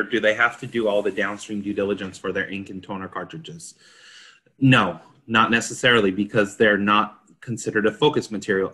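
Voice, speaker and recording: A male consultant on a discussion panel explains a technical standard informally, in plain terms. His voice is lowish and a bit bright.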